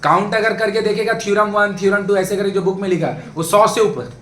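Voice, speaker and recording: A man's voice: high voice, steady tone, a little fast, fairly bright tone. A man teaching a math lesson to a class, chatty and often checking that the students follow. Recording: echoey classroom, faint background noise.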